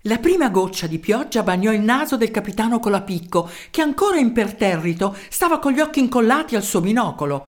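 A woman reading a children's story aloud, expressive and lively, voicing the characters' lines and sound effects. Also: on the high side, a little fast, hardly any pauses. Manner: expressive, with sound-effect words and voiced quotes.

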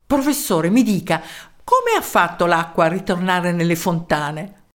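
A woman voicing a jolly male village mayor in a storybook, brisk and hearty. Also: fairly low pitch, lively intonation. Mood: warm.

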